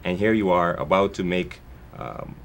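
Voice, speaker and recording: A Guyanese-born man who founded a foundation appears as a guest on a television interview, speaking in a low voice at a moderate pace with a little hiss or hum in the audio. He talks earnestly, in long, winding sentences full of restarts.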